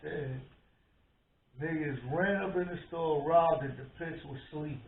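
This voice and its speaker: His voice is a little high and unhurried, with vocal fry. As a podcast co-host in a relaxed conversation, he tells his stories animatedly and acts out every quote. The audio is echoey and tinny, like a phone, recorded from far off.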